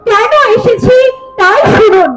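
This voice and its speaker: A fearless young dancing girl in a jatra drama. Her voice is extremely high, projected and tearfully earnest, with loud music behind it. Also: a little slow. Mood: urgent. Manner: impassioned, tearful, declamatory projection. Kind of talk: jatra folk theatre acting.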